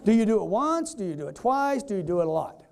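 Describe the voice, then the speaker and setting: A man giving an energetic live sales seminar, quizzing the audience and acting out customers in quoted voices. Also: high voice, fast talker, creaky. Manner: energetic, repetitive, keeps quizzing the crowd. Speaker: sales trainer.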